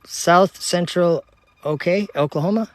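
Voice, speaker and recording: A man's voice: high-pitched, unhurried, dry recording. Casual man reading out livestream comments. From Minnesota, United States. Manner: relaxed, reads viewer locations aloud in a chatty running list. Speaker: livestream host. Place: outdoors at night with a telescope, north of Minneapolis.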